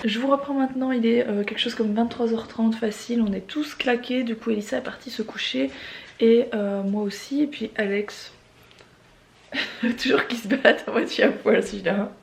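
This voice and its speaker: A woman's voice: a little high, fairly even intonation, normal speed, creaky. Chatty woman family vlogger. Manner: chatty, rambling, with many fillers. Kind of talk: casual vlog chat.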